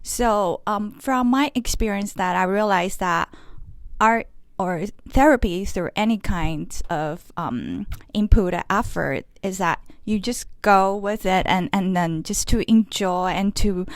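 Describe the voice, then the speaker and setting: A middle-aged woman from Los Angeles, a guest artist in an interview, speaking softly and hesitantly with many pauses. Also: medium pitch, dry recording. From Los Angeles, USA. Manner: hesitant, many ums, soft-spoken. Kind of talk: casual interview.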